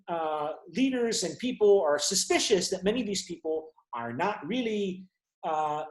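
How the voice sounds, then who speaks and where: Speaking over a video call, a man who lectures at a university gives long explanations to his online class and keeps checking on his students. The audio is poor and reverberant, and his voice sits high with a darkish tone.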